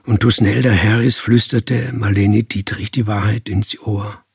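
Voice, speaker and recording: A man narrates a literary story with slow, deliberate care. His voice is very husky and lowish, with a lively, rolling pitch. The recording is dry and close. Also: no echo. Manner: slow, deliberate, expressive reading. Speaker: author and storyteller.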